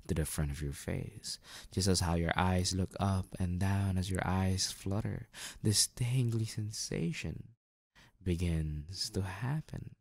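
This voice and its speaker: In this hypnosis induction, a man with a low, gravelly, somewhat dark voice speaks slowly and soothingly to the listener, dropping in casual asides along the way. The recording is dry.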